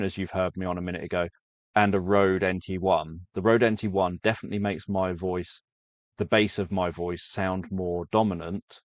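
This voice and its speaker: A sleep story creator talks casually to his viewers in a low voice, rambling through explanations and correcting himself as he goes. There is no room sound.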